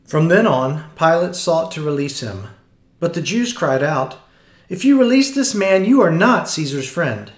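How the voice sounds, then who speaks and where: Slightly high-voiced man reading scripture. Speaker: scripture reader. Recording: echoey room.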